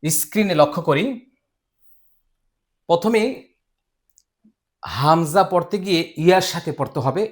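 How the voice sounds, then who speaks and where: A man leads a step-by-step Quran recitation lesson. He speaks very slowly and deliberately, sounding out each letter and repeating syllables many times. His delivery is patient and instructional. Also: fairly high pitch. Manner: patient, drills syllables over and over, drawn-out sounds. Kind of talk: slow step-by-step pronunciation lesson.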